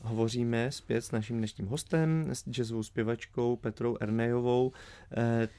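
A man hosting a radio interview, asking long, halting questions full of fillers. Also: medium pitch, steady tone, warm tone, smooth. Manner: hesitant, drawn-out questions with fillers. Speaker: radio host.

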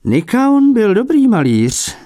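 A man voicing a fussy, jealous old male abbot and icon painter who talks in a high, piping, peevish way and mocks his rivals. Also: huge pitch swings, warm tone, no room sound, studio quality. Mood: huffy.

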